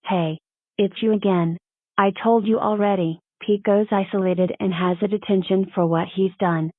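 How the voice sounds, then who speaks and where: A woman's voice: mid-range voice, steady tone, moderate pace, dry recording, phone-quality sound, lightly acted. A synthetic-sounding woman voicing a stern, matter-of-fact cartoon schoolteacher with formal delivery. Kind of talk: scripted cartoon dialogue.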